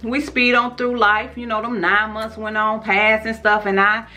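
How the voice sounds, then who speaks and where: A woman, telling her life story to her viewers in an animated, slangy way. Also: on the high side, moderate pace. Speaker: vlogger. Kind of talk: storytime vlog.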